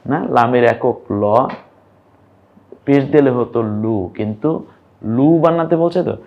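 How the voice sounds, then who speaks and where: A man's voice: medium pitch, measured pace, phone-quality sound. A young man teaching an online lesson, patiently sounding out syllables and quizzing his viewers. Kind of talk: online lesson on reading Arabic vowel marks.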